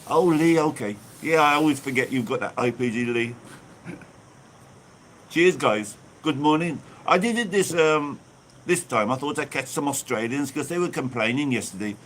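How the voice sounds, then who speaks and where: A man from England hosts a live stream outside, a church visible behind him and the phone held in front of him, breezily reading viewers' comments aloud. His mid-range voice is fairly bright with lively intonation at a moderate pace, over slight background noise.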